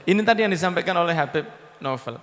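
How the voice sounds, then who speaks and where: A man with a Javanese accent preaching a sermon, telling a story in a lively way, mixing in regional words and joking with the audience. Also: a little high, fast. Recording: long echo of a large hall.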